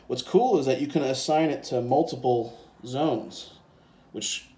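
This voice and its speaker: Speaking in a dark, mid-range voice at a measured pace, a man casually demos software and a synth for a music gear tutorial, thinking aloud as he goes. He's indoors beside a synthesizer keyboard, recorded through a handheld phone and a separate handheld microphone.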